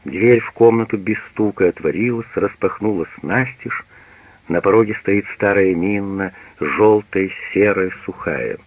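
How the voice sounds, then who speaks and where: A man narrating a novel in an expressive, dramatic literary radio reading. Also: on the low side, unhurried, dry recording, muffled recording.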